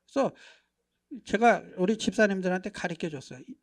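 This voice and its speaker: Animated middle-aged man preaching to a congregation. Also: sits high, a little fast. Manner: animated, acts out dialogues, constant rhetorical check-ins; swings from hushed asides to loud bursts. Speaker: pastor. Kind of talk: lively church seminar talk. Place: church sanctuary.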